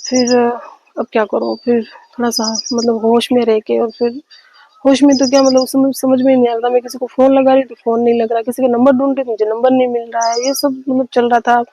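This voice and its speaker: A woman tells a personal story slowly and haltingly, with many fillers and restarts. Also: on the high side, little pitch movement, mellow. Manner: slow, hesitant retelling with many fillers and restarts. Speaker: vlogger. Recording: slightly dull lo-fi audio with faint noise.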